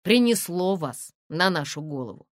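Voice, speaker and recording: A woman's voice: on the low side, lively intonation, moderate pace, no room sound, studio quality, lightly acted. A woman reader voicing a curt, secretive male museum director who speaks in a brusque, mocking tone.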